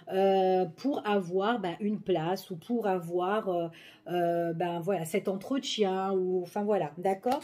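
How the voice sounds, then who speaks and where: A woman's voice: mid-range voice, dark tone. A woman giving a casual general tarot reading, chatty and full of fillers, often checking in with the listener. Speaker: tarot card reader.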